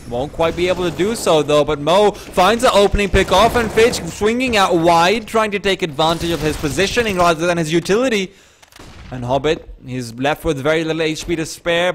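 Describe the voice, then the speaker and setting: A man doing fast play-by-play commentary on an esports match, getting excited on big plays and throwing in self-deprecating asides. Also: on the high side, slight background noise.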